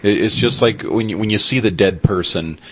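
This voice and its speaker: A man's voice: on the low side, moderate pace. A tired man co-hosting a podcast, rambling casually with lots of fillers and laughs. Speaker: podcast co-host. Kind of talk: casual chat. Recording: dull lo-fi sound with noise.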